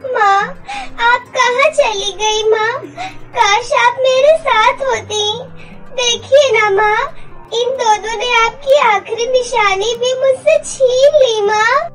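A woman's voice: extremely high pitch, slow, fairly bright tone, soft background music, pitched above the performer's own voice, full character voice. A woman voicing a tearful, mistreated young girl in a cartoon story, pleading and weepy.

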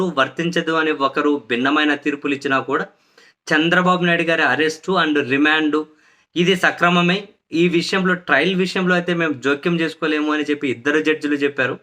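A man's voice: a little high, pushed and bright. A man delivering a sarcastic, mocking political commentary monologue.

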